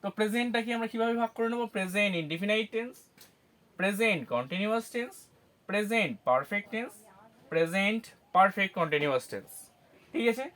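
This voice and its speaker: A man's voice: high voice, expressive, fairly bright tone. A man teaching an English grammar lesson, asking questions and answering them himself, spelling words out syllable by syllable. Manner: slow, syllable-by-syllable explanations with self-answered questions.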